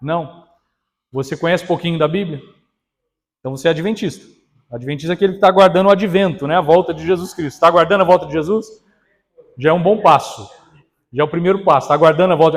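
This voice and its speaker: A male preacher with a Brazilian accent delivers a sermon in a church. His voice sits fairly high for a man. He mixes storytelling and prayer with casual, conversational asides to the congregation. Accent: Brazilian Portuguese.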